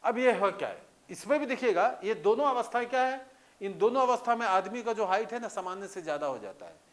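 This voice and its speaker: A man's voice: sits high, animated, fairly quick. A man teaching a lecture in a conversational way, often checking that students understand with repeated questions. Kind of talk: classroom lecture.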